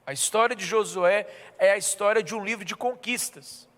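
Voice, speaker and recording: A man's voice sits high and a bit bright, moving at a moderate pace as he preaches with a Minas Gerais Brazilian Portuguese accent. He is a pastor in a church, telling a personal story and playing the people in it, with the hall reverberating.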